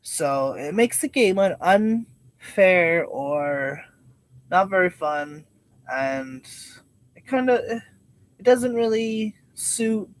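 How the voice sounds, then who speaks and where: Young adult male streamer, higher-pitched, unhurried stoner drawl, casual meandering chat. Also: lively intonation, dry recording. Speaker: live streamer. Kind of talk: casual rambling livestream chat.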